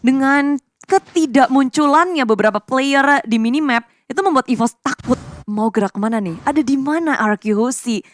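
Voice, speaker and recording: A very high-voiced Indonesian woman works as an esports caster. She calls the play live in the manner of a fighting game announcer, building into excited calls. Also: normal speed. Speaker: esports match commentator.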